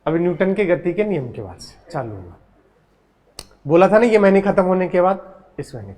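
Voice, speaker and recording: A man's voice: high voice, big pitch swings, moderate pace, a little mellow. A man teaching a physics class, who teases his students and keeps asking them questions. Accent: Hindi. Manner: teasing, asks the class questions. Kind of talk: classroom lecture.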